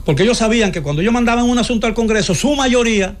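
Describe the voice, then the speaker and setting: On a talk show, a man argues politics in a very high-pitched, expressive and rapid-fire voice. Opinionated, he hesitates with plenty of filler sounds and restarts and keeps asking the listener to agree.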